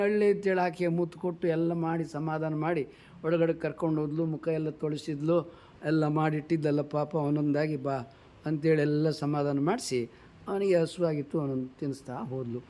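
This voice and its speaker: A man giving a storytelling sermon, asking his listeners questions and dropping soft and low for tender moments. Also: steady tone. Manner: slowly chants a verse. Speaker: preacher.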